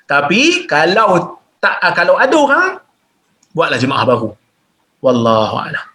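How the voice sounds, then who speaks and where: A man with a Malaysian Malay accent reading out listeners' questions and answering them in a religious Q&A lecture, explaining plainly and jumping up in pitch to stress points. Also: huge pitch swings, unhurried, bright, forceful tone. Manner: reads questions aloud then explains plainly.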